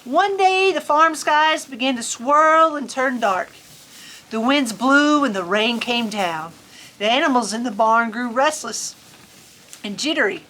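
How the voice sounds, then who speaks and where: A woman's slightly high voice comes across animated, pushed and bright, at a measured pace, as she reads to children in a folksy, playful way mixing story and chat. It's a low-quality recording from a cold outdoor farm, with faint ambient noise.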